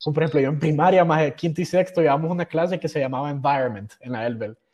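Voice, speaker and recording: A man's voice: fairly high pitch, quick pace, a little mellow. A young man from Honduras with a Honduran accent, casually telling stories about his school years in a slangy, self-mocking way, dropping English words in. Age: young adult. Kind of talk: casual storytelling.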